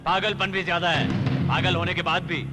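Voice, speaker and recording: A man's voice: high-pitched, level tone, a little fast, natural voice. A man dubbing a swaggering action hero in a film, with a taunting delivery. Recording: film soundtrack with music and long reverb.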